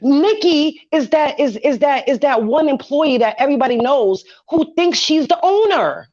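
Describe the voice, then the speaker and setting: Emphatic New York woman, higher-pitched voice. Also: animated, moderate pace, darkish tone, highs cut off. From Brooklyn, New York. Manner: emphatic, repeats phrases for effect. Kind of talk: heated casual group discussion.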